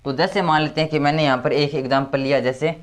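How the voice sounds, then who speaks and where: A male tutor explains chemistry step by step in a slightly high voice. He repeats his key terms and slows down to count items aloud one by one. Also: fairly even intonation.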